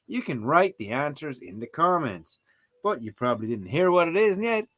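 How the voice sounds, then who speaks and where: Very animated and fairly bright in tone, this streamer's voice sits on the high side and moves at a moderate pace. He is learning a language, commenting casually on his livestream as he works through a lesson with jokes and mock exclamations.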